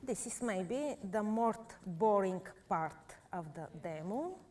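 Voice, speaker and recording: A Bulgarian woman painter with a Bulgarian accent and Bulgarian as her first language, demonstrating live before an audience. She speaks in halting, simple English with many pauses. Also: mid-range voice, animated, darkish tone. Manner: halting non-native English with frequent uh pauses.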